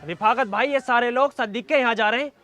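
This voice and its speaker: High-voiced earnest sidekick man. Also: fast talker, bright, forceful tone.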